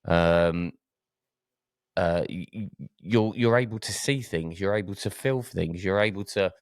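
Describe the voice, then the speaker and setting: A deep-voiced podcast host from Essex, England, speaks unhurriedly in his Essex accent. The sound is clean studio audio with no room sound, and he hesitates and repeats words as the casual chat goes along.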